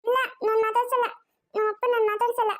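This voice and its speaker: A woman's voice: very high-pitched, little pitch movement, quick pace. A woman voicing a stubborn young girl who insists and repeats herself in a cartoon story. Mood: dismissive. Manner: insistent, repetitive. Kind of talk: cartoon voice acting.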